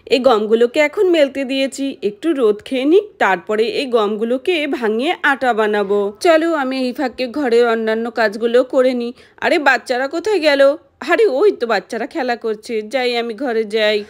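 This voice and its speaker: A woman's voice: a little high, normal speed, pitched below the performer's own voice, natural voice. Woman voicing a fussy village mother. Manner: chiding, muttering to herself.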